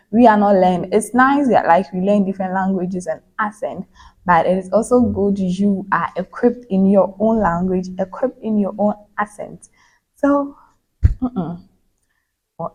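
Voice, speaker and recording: A woman's voice: medium pitch, darkish tone. Earnest young woman vlogging to her phone. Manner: earnest, repeats phrases for emphasis. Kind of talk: casual reflective vlog monologue. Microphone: phone back camera.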